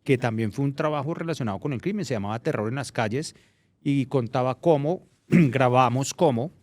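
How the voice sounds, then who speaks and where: A middle-aged journalist tells long anecdotes in a relaxed interview, circling back and restarting his phrases as he goes. His voice sits at an ordinary male pitch. The recording is dry and close. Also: normal speed, no room sound. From Colombia. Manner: anecdotal, restarts phrases, animated when recounting. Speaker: journalist guest. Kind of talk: casual storytelling interview.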